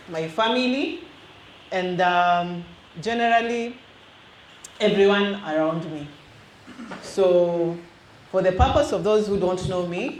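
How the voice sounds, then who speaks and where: A middle-aged minister from Western Kenya leads a youth group with interactive teaching, keeping things lively by quizzing the audience and mixing in Swahili. Her voice is fairly low. Her handheld mic catches the echo of a church hall, with a faint hiss in the background.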